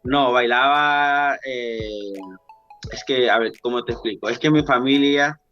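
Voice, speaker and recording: A man's voice: mid-range voice, unhurried, sharp tone, lo-fi sound, faint music behind. A man in his thirties from Ecuador with an Ecuadorian accent, a dancer chatting as a podcast guest, rambling with many restarts. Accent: Ecuadorian Spanish. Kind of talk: casual podcast interview.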